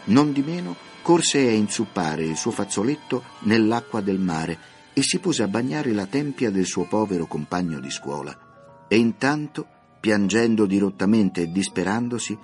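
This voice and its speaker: A man narrating a children's classic in a scripted, lively, expressive storytelling manner. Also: lowish voice, normal speed. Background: soft background music.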